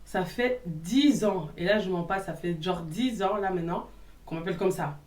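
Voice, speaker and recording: A woman's voice: lowish voice, normal speed, a little mellow, far from the mic. A young woman talks casually and sassily to her viewers, answering hater comments in an outspoken way. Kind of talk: casual vlog chat. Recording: roomy echo, a little off-mic.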